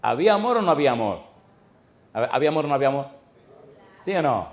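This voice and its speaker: A middle-aged man preaches a sermon as a pastor, his voice sitting at an average pitch. He tells stories to the congregation and often stops to ask them questions. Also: fast talker. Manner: lively storytelling, addressing the congregation with questions. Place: church.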